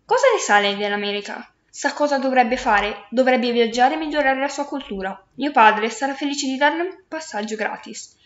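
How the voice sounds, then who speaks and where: A woman voicing a young girl who is gentle but spirited and speaks up earnestly, in a storybook reading. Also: high voice, moderate pace, hardly any pauses, close to an everyday voice. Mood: scolding. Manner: earnest, scolding. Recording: roomy, dull lo-fi recording.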